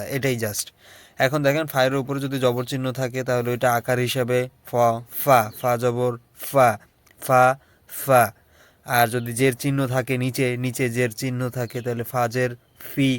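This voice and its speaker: A man's voice: medium pitch, no echo. Man drilling Arabic letters, dry sound. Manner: slow, repetitive drilling of sounds. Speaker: Arabic teacher. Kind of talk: alphabet lesson.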